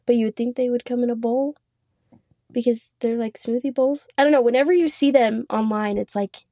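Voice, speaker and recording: A young woman chatting on a podcast in a slightly high, mellow voice. She talks fast and loose, laughing and filling with "like" as she tells a story. The sound is close and dry. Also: steady tone, no echo. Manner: chatty, laughs often, says "like" a lot. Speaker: podcast co-host. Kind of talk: casual chat.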